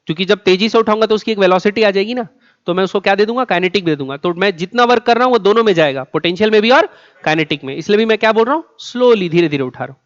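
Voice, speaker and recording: A high-pitched man teaching physics, throwing questions at the class and answering them himself. He slows right down on key words and repeats them for emphasis. The sound is dull and lo-fi. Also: lively intonation. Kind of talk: classroom lecture.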